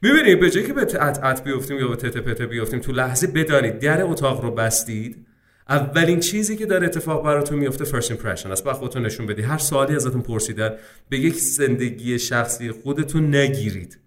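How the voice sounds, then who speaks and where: A man teaching English speaking-exam preparation in a casual lesson. He talks to viewers as friends, and his speech is full of English terms. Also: medium pitch. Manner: lively, addresses viewers as friends, mixes English terms into Persian.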